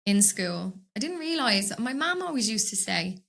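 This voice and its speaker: A woman's voice: medium pitch, sing-song, normal speed, creaky, fairly bright tone. A woman with a Dublin accent, a podcast guest chatting casually in a studio, rambling from story to story and laughing often. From Dublin, Ireland. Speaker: podcast guest, business owner. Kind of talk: casual interview chat.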